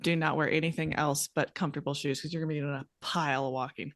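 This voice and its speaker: A woman's voice: low voice, steady tone, fast, dry recording, clean studio sound. A woman guest on a casual podcast, easygoing and self-deprecating.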